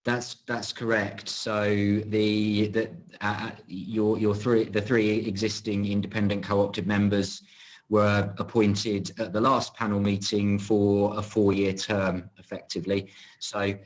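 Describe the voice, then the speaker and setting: An English man explains procedure to a panel in a measured, factual way. His voice is low and quite flat in pitch. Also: low-quality recording. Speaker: panel officer.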